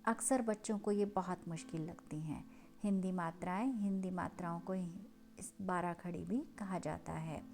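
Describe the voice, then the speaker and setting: A woman teaching a lesson on Hindi vowel signs, stretching each sound out slowly for children to copy. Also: fairly low pitch, steady tone, darkish tone, faint music behind. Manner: slow, drawn-out pronunciation of sounds for children.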